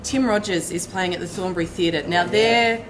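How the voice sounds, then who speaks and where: A woman's voice: lowish voice, crowd noise, poor audio. An Australian woman co-hosting a live pub chat show, racing through a gig guide until she is out of breath. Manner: rapid, breathless list reading. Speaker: co-host reading the gig guide. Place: pub venue.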